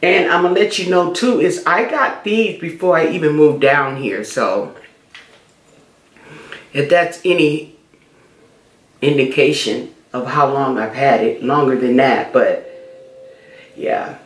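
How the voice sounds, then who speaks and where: A middle-aged beauty vlogger chats casually as she does her makeup, repeating herself along the way. Her voice is low and rumbling, and she speaks slowly with long pauses. The small indoor room gives her an echoey sound.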